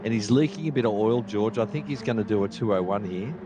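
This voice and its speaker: Speaking quickly in a fairly low voice, a South African man co-commentates a sim race live, chatty and analytical, often restarting his sentences. Steady background noise runs under the recording.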